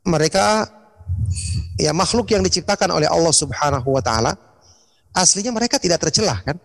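High-voiced ustadz clearing his throat. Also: long reverb tail. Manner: frequent throat clearing, rhetorical questions. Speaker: Islamic teacher. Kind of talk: online religious lecture with Q&A.

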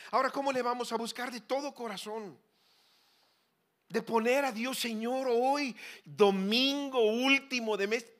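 A man preaching a sermon as a pastor, swinging between loud pleading cries and hushed, low asides. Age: 40s or older.

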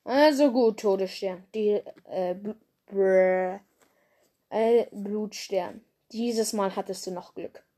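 A woman voicing a battle-hardened male cat who leads his clan, speaking in a gruff, commanding way. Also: mid-range voice, slow, dark tone.

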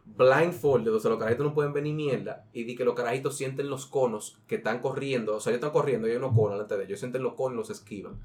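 A man's voice: mid-range voice, fast talker, hardly any pauses, darkish tone. A man with a Dominican accent in casual comedic chat among friends, co-hosting with slangy, sweary, rambling storytelling. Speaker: podcast co-host.

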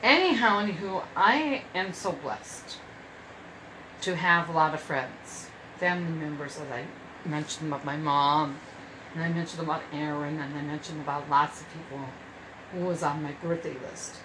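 A woman in her early fifties hosts a casual solo podcast from her room at home, rambling and often repeating herself. Her voice sits low and moves at a normal speed, with background noise behind it.

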